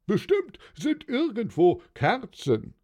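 A man's voice: sits high, wildly swooping pitch, slow, darkish tone, pitched above the performer's own voice, full character voice. A man doing a smug, bluff noble husband. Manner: pleased, bluff and blustering. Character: smug, self-satisfied aristocratic husband.

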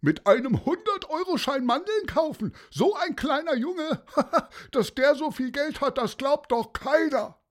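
A man's voice: extremely high pitch, expressive, unhurried, hardly any pauses, voice pushed up. A man doing a scornful man in a crowd. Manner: scornful, laughing at a child. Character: mocking middle-aged man in a crowd.

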